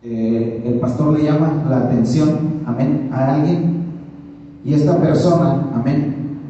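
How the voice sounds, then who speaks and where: A man preaching a sermon lesson, filling pauses with "amén" and "gloria al Señor", halting and repeating words. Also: mid-range voice, dark tone. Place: church hall. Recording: echoey hall, distant dull mic.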